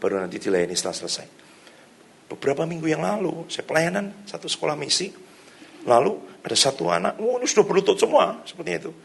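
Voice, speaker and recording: A man's voice: a little high, animated, quick pace, creaky, fairly bright tone, slight background noise. A middle-aged man, a pastor preaching a sermon, telling stories in a loose conversational way and laughing often. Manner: conversational storytelling, laughs often, javanese-flavoured casual indonesian. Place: church hall.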